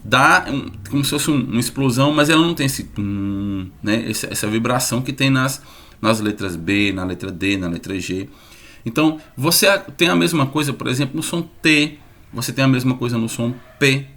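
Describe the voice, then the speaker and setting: Giving a lively online lesson, a mid-range-voiced man slowly repeats sounds so learners can hear how they're made.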